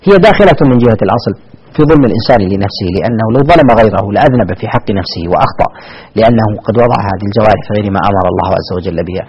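A slightly muffled recording of a man with a husky, creaky, lowish voice. He teaches religion in formal standard Arabic, speaking very quickly in a didactic way. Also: expressive, a little mellow. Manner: didactic, repeats key phrases for emphasis. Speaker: religious scholar, guest.

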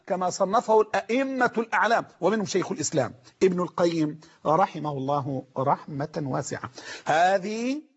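A man with an Egyptian Arabic accent preaching a sermon, emphatic, repeating phrases and slowly drawing out quoted sayings. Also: high-pitched, breathy edge. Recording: muffled lo-fi recording.

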